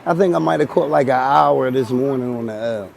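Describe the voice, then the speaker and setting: A Philadelphia man in his forties, interviewed on a busy street amid passersby, speaks in casual street slang, repeating himself and restarting sentences. His medium-pitched voice is gravelly, a little mellow and a little fast, with a slight hiss or hum on the recording.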